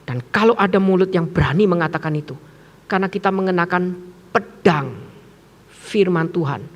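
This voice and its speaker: A man preaching a sermon, telling a story with acted-out dialogue and shouting for emphasis. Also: sits high, moderate pace, long reverb tail, muffled recording. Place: church sanctuary.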